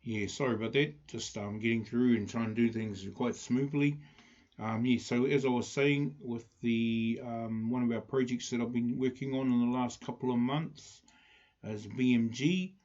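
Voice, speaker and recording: A man's voice: medium pitch, a little mellow. Kiwi guy with a maori accent chatting on a livestream, stop-start, kinda muffled lo-fi sound. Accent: Māori New Zealand. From New Zealand. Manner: halting, with many pauses. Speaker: livestream host presenting a community project. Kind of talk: casual live chat. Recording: dull lo-fi livestream audio.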